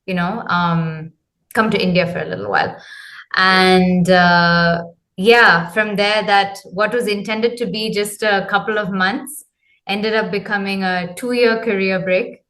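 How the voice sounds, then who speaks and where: A woman's voice: medium pitch, measured pace, fairly bright tone. A woman in her thirties, a coach from Zambia, answering interview questions casually with many ums and uhs. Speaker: guest, men's clarity coach.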